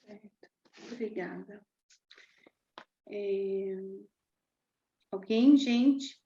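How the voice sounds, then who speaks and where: A woman's voice: medium pitch, very slow, dark tone. Woman, Brazilian Portuguese accent, podcast moderator, hesitant questions, restarts, dull lo-fi sound. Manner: hesitant, self-correcting questions with many restarts. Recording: roomy, dull lo-fi recording.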